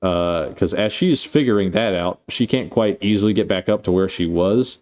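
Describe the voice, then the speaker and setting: A man's voice: sits low, normal speed, a little mellow. A man casually recapping a movie plot, rambling and swearing, full of fillers and restarts. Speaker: movie reviewer.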